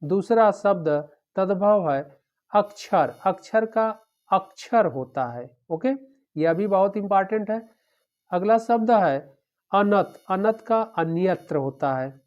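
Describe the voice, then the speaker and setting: A man teaching an exam-prep lecture, drilling through word pairs one after another in a steady, repetitive way. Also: high-pitched, takes it slowly. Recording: dull lo-fi recording.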